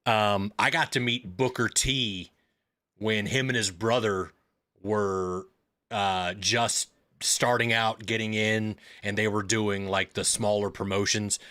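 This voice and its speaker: A man in his thirties with a lowish, bright, pushed voice hosts a live stream, chatting casually. He tells meandering stories, full of filler words and restarted sentences.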